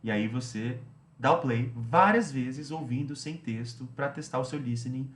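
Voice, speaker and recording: A man's voice: mid-range voice, normal speed. Chatty male teacher in a roomy space. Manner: chatty, repeats himself, tags phrases with "né". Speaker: English teacher. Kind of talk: explaining a study routine.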